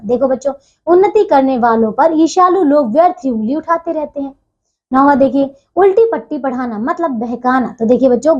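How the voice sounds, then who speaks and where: A woman's voice: high-pitched, darkish tone, dull audio. A woman teacher explaining a textbook lesson to children, patiently repeating phrases and checking in often.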